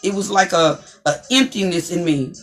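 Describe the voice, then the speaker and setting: A woman with a deep, distinctive voice hosts an inspirational talk show, delivering an encouraging, preachy message. She speaks expressively at a moderate pace, repeating phrases as she builds to a point, with soft music in the background.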